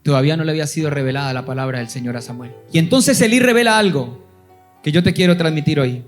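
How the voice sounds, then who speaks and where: A male pastor preaches with a notably high voice, stretching key phrases and rising for emphasis. At other moments he drops into a quieter storytelling tone. Soft instrumental music plays faintly behind him. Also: animated. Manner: preaching with emphatic rises and drawn-out lines, then softer storytelling. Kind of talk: sermon.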